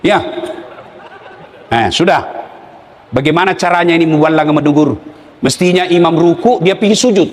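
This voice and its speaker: A man with a Makassar Indonesian accent preaching a humorous sermon to a live crowd, joking and shouting questions for the audience to answer. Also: fairly high pitch, expressive, normal speed, pauses often. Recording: echoey hall, long reverb.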